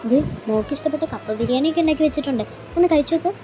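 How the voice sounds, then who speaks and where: A woman's voice: high-pitched, close to an everyday voice. A woman voicing a doting middle-aged mother and aunt who fusses and coaxes in a fan audio drama. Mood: coaxing. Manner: coaxing, fussing, fast-talking. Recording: background music under voice.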